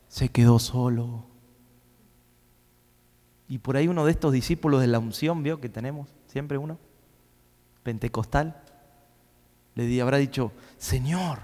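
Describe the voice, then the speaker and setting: A man preaching a sermon as pastor, swinging between loud, rising questions and quick asides. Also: medium pitch, expressive. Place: church hall. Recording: long reverb of a church hall.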